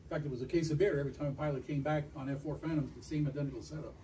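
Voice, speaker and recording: A man at a model club meeting, briskly telling an anecdote to the other members. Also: on the high side, fairly even intonation, warm tone. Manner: brisk storyteller. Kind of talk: casual anecdote. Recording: distant mic in a room with faint noise.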